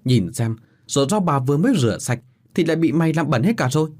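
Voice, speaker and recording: A fussy old woman cook from a spoken story, sharp-tongued and quick to scold, put on by a male narrator. The voice is husky, and its pitch moves a lot. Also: very animated.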